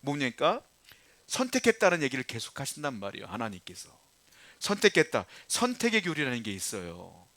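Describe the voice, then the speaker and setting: Middle-aged male pastor, conversational sermon delivery with loud emphatic repetition; bright, slightly high voice, dry close recording. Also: huge pitch swings, brisk, dry recording. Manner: conversational preaching, swings between quiet asides and loud emphatic repetition; acts out nagging parents and quoted voices.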